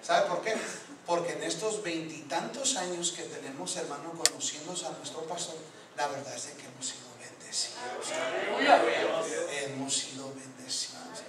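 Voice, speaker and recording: A guest preacher with a fairly high voice and normal pace delivers a Pentecostal-style sermon to a congregation that answers him, emphatic and joking as he calls out to people directly. He's far from the microphone in an echoey church hall during a service, and the very noisy recording captures the congregation.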